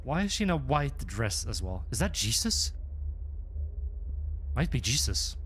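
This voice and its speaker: A man giving jokey, animated commentary while playing through a horror game, reacting with nervous laughter. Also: medium pitch, a little slow, slight background noise. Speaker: gaming YouTuber.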